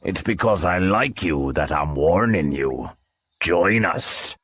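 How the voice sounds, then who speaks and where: A man voicing a cunning one-legged pirate, slow and menacing in a storybook reading. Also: deep voice, expressive, fairly bright tone, husky, no echo, pitched below the performer's own voice, exaggerated voice. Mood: coaxing.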